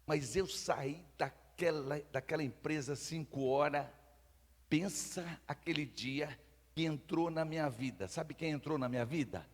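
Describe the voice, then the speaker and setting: Fervent high-voiced Brazilian preacher. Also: male voice, unhurried. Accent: Brazilian Portuguese. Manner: call-and-response preaching, urging the congregation to repeat phrases; swings between shouted fervor and low confiding tones. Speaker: pastor. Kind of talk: sermon. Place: large church hall. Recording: long hall reverb.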